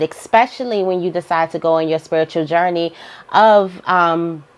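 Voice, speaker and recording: A woman giving an informal, motivational spiritual monologue, repeating phrases for emphasis as she guides listeners. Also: lowish voice. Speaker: spiritual guidance host.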